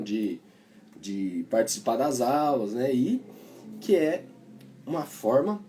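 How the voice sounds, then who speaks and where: Brazilian man teaching cavaquinho, mellow voice. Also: mid-range voice, a little hiss or hum. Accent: Brazilian Portuguese. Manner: chatty, explains while playing, many filler tags. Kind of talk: casual music lesson. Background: cavaquinho playing.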